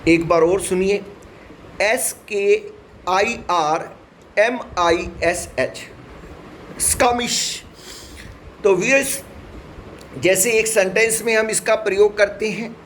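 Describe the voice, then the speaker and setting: A middle-aged man teaching a spoken English lesson, speaking slowly and deliberately, spelling words letter by letter and often addressing his viewers. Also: extremely high pitch, a bit bright, slight background noise.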